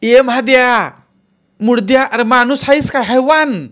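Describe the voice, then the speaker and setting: A man doing a shrill, furious old village woman. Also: unhurried, a bit bright. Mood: furious scolding. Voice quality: shrill, abusive. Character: foul-mouthed older village woman, scolding.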